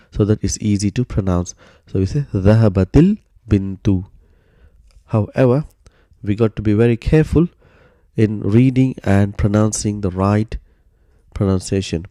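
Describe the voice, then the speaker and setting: A man teaching a grammar lesson in a low, mellow voice. He explains patiently and step by step, leaning on "so" and "uh" as he goes. The sound is dry and close, with no room around it. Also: moderate pace, no room sound.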